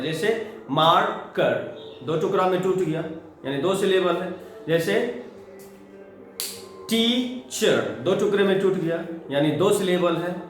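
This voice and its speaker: High-voiced Indian man teaching vocabulary. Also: a little hiss or hum. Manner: slow drawn-out word spelling. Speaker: English teacher. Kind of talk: vocabulary lesson. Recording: very echoey room with faint music.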